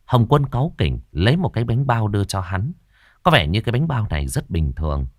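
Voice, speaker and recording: Expressive male horror storyteller. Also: fairly low pitch, fairly quick, no echo, studio quality. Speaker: narrator. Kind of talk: dramatic horror story reading.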